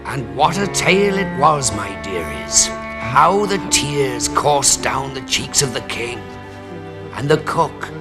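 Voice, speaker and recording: An actor playing a storyteller who narrates his tale theatrically in a television drama, slow and hushed, sometimes dropping to a whisper. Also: medium pitch, sing-song, in a large hall. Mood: grave. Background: music.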